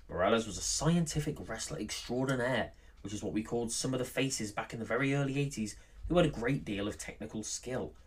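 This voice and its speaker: Low-pitched man narrating a top ten countdown.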